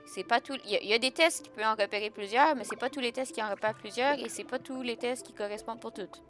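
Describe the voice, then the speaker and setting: A young woman with a Québécois French accent chats on a live stream, joking and answering her viewers. Her voice sits a little high, and she keeps the talk loose and teasing. Faint music plays behind her. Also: quick pace, fairly bright tone. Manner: joking, chatty, laughs often, answers chat. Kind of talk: casual live-stream chat.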